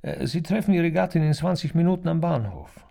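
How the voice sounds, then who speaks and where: A man doing a genial, jovial gentleman. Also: fairly high pitch, expressive, brisk, creaky, voice pushed up.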